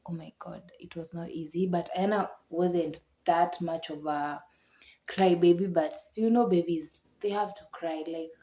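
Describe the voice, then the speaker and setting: A woman's voice: lowish voice, steady tone, a little slow, dark tone. A young Kenyan woman chatting casually to camera, laughing often and repeating words for emphasis. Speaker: vlogger. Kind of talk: casual chat. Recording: dull lo-fi recording.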